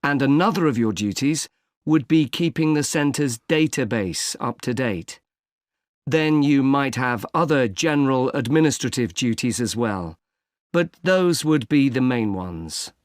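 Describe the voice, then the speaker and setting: A man's voice: mid-range voice, expressive, no echo, studio quality, close to an everyday voice. A man playing a patient recruitment agent. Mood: calm. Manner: measured, spells words out slowly. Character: helpful male recruitment agent, patient and polite. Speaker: employment agency consultant. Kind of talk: scripted exam dialogue.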